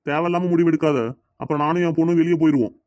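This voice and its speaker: A man voicing a protective middle-aged cartoon father in Tirunelveli Tamil, gentle with his daughter and scolding with his wife. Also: on the high side, flat delivery, racing, no room sound, highs cut off, close to an everyday voice. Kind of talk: cartoon dialogue.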